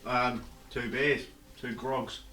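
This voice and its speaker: A man playing a tabletop game, chatting in a low-key, mumbling way. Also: little pitch movement, slow, pushed and bright. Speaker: player. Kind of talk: casual chat at a tabletop game. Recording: echoey room from afar with music.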